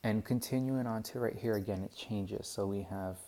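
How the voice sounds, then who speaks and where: A young man with a lowish, mellow voice at normal speed gives a student presentation on a poem's scansion in class. He is hesitant and self-doubting, full of fillers and frequent restarts.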